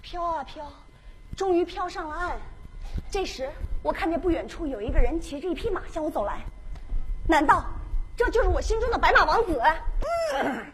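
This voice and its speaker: Brief: a very high-voiced woman, stage comedian, animated storytelling, faint background noise. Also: normal speed, long pauses. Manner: animated, playful storytelling with sudden outbursts. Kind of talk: comic stage monologue.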